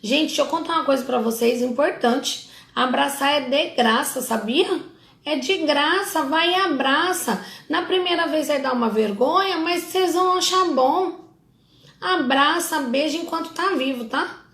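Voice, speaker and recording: A middle-aged Brazilian woman therapist talks straight to her audience in a high voice with a gravelly edge. She is blunt and scolding and keeps throwing in casual asides. The room around her sounds echoey. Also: expressive, moderate pace, fairly bright tone. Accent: Brazilian Portuguese. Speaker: family constellation therapist. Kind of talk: casual talk to followers.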